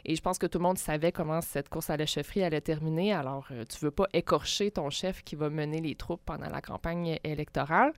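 A woman explaining politics in a measured radio discussion, with frequent hesitations. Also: deep voice, no echo. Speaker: political commentator.

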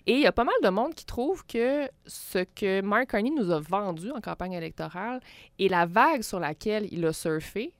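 A woman explaining politics in a measured radio discussion, with frequent hesitations. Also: mid-range voice, lively intonation, no echo. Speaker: political commentator.

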